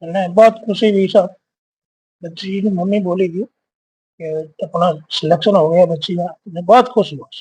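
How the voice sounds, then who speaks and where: A man's voice: high voice, a little slow, darkish tone, husky, low-quality recording. A middle-aged man, father of the officer, answers humbly and respectfully from a little away from the mic. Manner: humble, respectful, addresses the interviewer as sir.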